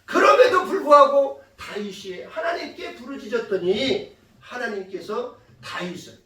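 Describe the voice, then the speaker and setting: A woman pastor delivers a sermon as a lively story, tossing questions out to the congregation and punching key points loudly. Her voice rings through a reverberant church sanctuary. She stands some distance from the microphone. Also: fairly high pitch, measured pace. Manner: lively storytelling, quizzing the congregation, sudden loud emphasis. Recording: echoey church hall from far off.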